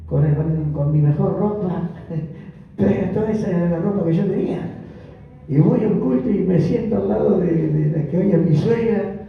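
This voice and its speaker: A man with an Argentine accent telling his testimony in a lively, storytelling sermon style. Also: high-pitched, vocal fry. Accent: Argentine Spanish. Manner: storytelling, animated, acts out dialogue with laughs. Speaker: preacher giving testimony. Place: church hall. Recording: distant, echoey, dull church recording with hiss.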